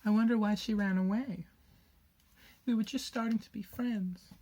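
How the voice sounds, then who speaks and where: A man's voice: sits high, steady tone, moderate pace, darkish tone. A man voicing an eager, kind-hearted young girl in a children's story read aloud, with earnest, childlike delivery. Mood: bright, eager.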